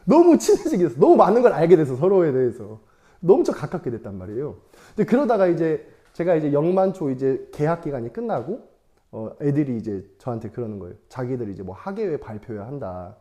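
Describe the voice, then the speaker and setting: Young male evangelist, relaxed talky sermon to kids; warm, mellow, animated delivery. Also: fairly high pitch, brisk. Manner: chatty, playful, laughs often; asks the audience questions. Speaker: evangelist preaching to children. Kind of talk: casual sermon with storytelling.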